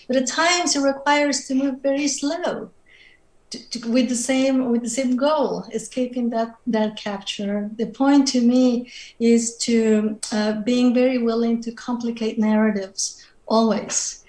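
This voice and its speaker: Woman with a Mexican Spanish accent, fairly high voice, middle-aged, thoughtful panel talk, video call in an echoey room. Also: a little mellow. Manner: thoughtful, searching for words. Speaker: panelist writer. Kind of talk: reflective panel conversation. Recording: roomy video-call audio.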